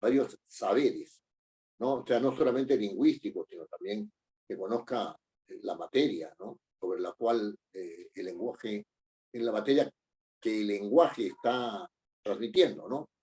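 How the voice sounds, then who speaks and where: Patient older-sounding male teacher, mellow. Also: fairly low pitch, animated, unhurried. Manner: patient, explanatory, many fillers and tag questions. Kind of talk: online class lecture.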